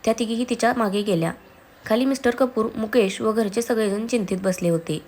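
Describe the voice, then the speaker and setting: A woman storyteller reading scripted narration with a steady, even delivery. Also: on the high side, fairly quick, slight background noise.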